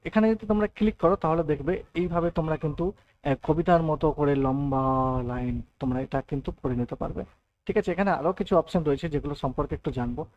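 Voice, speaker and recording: A man giving a step-by-step software tutorial over a screen recording, checking in with his listeners often. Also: fairly high pitch, quick pace, no room sound, lo-fi sound. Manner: explains step by step, often adds "thik ache" and "right". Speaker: computer tutor.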